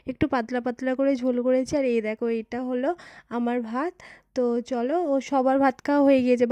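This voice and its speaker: A woman narrating a casual home vlog into her phone, chatty and repetitive, her voice a little hoarse from the heat. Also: high voice, warm tone, no echo. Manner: chatty, repeats herself, many fillers. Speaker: vlogger. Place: home, indoors and on a veranda. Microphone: phone camera.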